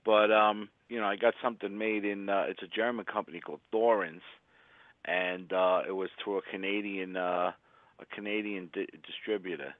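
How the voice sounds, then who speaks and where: A man with a Brooklyn accent makes casual radio conversation. His voice is on the low side and his way of talking is blunt. The sound is dry and narrow, like a phone line. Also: fairly even intonation, normal speed, no echo. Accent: Brooklyn New York. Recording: thin phone-like radio audio.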